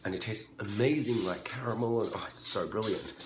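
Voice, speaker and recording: Deep-voiced man vlogging. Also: a little fast, noisy background. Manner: chatty and enthusiastic, rambling asides. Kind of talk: casual daily vlog. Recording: background music.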